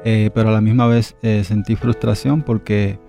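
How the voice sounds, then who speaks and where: A man's voice: lowish voice, flat delivery, normal speed, vocal fry, warm tone, soft background music. A middle-aged man from the Republic, a radio guest telling memories in a thoughtful, hesitant way with many fillers. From Dominican Republic. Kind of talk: reflective interview storytelling.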